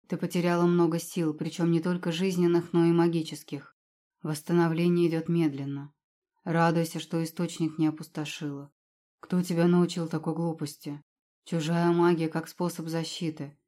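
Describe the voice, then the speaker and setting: Woman narrator doing a stern, authoritative male demon rector for an audiobook, slightly lowered voice. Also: mellow.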